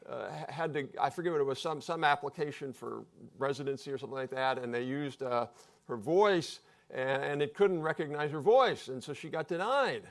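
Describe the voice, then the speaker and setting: A man's voice: medium pitch, a little fast. A man speaking as a panelist at a live public discussion, explaining points in an offhand, joking way.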